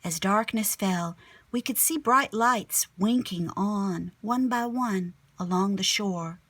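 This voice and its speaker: A woman teacher reads a picture book aloud expressively, adding chatty asides and simple questions for young children. Her medium-pitched voice is slow and slightly bright, with no echo.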